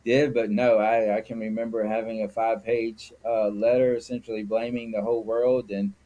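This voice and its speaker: A man's voice: on the low side, flat delivery, moderate pace, mellow, muffled recording. A middle-aged man from Mississippi, a guest telling his story candidly and reflectively in an interview, with frequent fillers. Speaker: guest, sober living founder. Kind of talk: personal interview.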